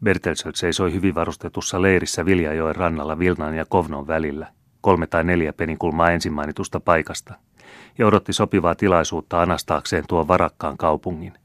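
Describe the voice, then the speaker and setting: A man narrates a classic novel as an audiobook, measured and even in his storytelling. His voice sits very low, and the recording is dry and close, with no room sound. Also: no echo. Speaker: audiobook reader.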